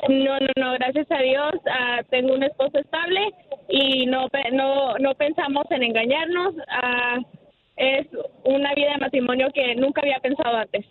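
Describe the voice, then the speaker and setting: A woman's voice: sits high, fairly even intonation, moderate pace. Woman caller on a tinny phone line. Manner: hesitant, restarts words, candid. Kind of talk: phone-in conversation.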